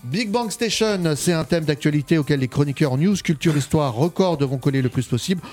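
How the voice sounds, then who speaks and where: A man's voice: on the high side, expressive, a little fast, darkish tone, soft background music. A man presenting a live radio show as its host, with an announcer-like delivery and a bantering streak.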